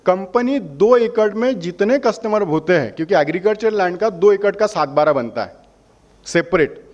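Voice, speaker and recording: Male sales rep, high-pitched, persuasive explainer who answers his own questions, lo-fi sound. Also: expressive, normal speed. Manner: persuasive, asks questions and answers them himself. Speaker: holiday membership company representative.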